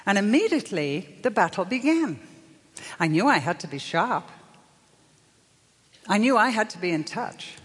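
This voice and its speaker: A woman's voice: medium pitch, very animated, normal speed, pauses often, breathy edge. An older woman telling a story in a sermon as a preacher, acting out the voices in it with lots of animation. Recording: long hall reverb.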